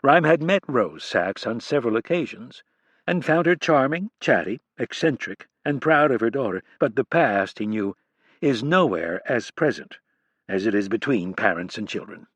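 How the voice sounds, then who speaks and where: A man narrating an audiobook in an even, measured reading. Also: medium pitch, slightly rough, no echo. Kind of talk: scripted narration.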